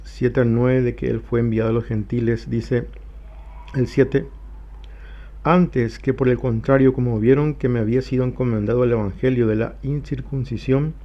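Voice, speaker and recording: A man leading a church Bible study, reading scripture passages aloud slowly and then explaining them. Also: mid-range voice, dull audio. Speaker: pastor.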